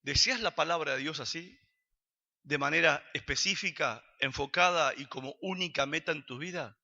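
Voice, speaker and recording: A man's voice: fairly high pitch, normal speed, creaky, sharp tone. A man with an Argentine accent preaching a sermon, asking his congregation questions and answering them himself. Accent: Argentine Spanish. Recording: dull recording with long hall reverb.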